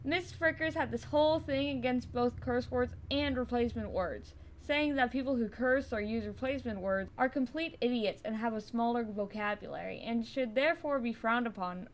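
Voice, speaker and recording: A teenage girl narrating a scripted storytime in a chatty, wry way. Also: on the high side.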